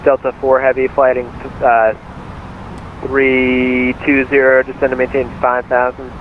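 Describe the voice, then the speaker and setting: Heard through a muffled, narrowband radio transmission with cockpit drone behind it, a man working as an air traffic controller issues clipped procedural instructions. His mid-range voice is monotone and unhurried.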